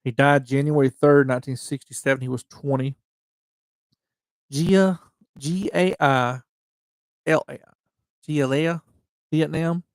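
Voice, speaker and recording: A man hosting a casual livestream, reading memorial entries in a halting way with slightly slurred speech, often restarting words and reading dates slowly. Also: on the high side, steady tone, clean tone, no echo. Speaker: livestream host.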